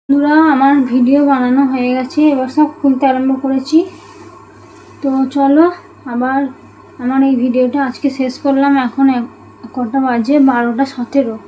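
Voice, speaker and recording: High-voiced chatty woman vlogging at home. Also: poor audio. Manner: chatty, addresses viewers as friends. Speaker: lifestyle vlogger. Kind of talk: casual home vlog chat. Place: home at night.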